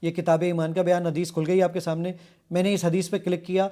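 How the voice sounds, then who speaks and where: A man with a Pakistani Urdu accent and a notably high voice walks through features one step at a time. He sounds eager and explanatory, speaking as a guest in a television studio. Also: flat delivery, mellow. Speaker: app developer and guest. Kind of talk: product demonstration on a TV show.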